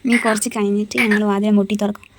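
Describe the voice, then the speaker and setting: A woman's voice: mid-range voice, flat delivery, racing, noisy background. A young mother recording a casual family vlog at home and chatting directly to her viewers.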